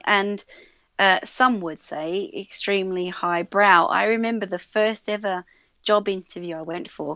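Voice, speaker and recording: A woman with an Australian accent, a radio producer talking casually in an interview, animated and full of fillers and restarts. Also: medium pitch, no echo. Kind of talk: conversational interview. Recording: dull lo-fi sound, dry.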